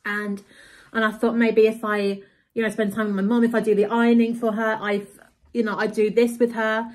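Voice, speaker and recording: Woman, slightly high-pitched, rambling vlog chat, filler-heavy, handheld phone at home. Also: little pitch movement, normal speed. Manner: rambling, heavy use of "like" and "you know". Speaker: vlogger. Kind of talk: casual confessional vlog. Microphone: handheld phone camera.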